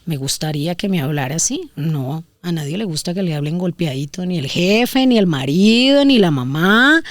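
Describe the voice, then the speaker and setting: Animated Valle Colombian woman giving parenting advice. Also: on the low side, moderate pace, dry recording. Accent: Valle del Cauca Colombian. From Colombia, Valle del Cauca. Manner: animated, acts out examples in voices. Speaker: guest parenting expert. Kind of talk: casual advice conversation.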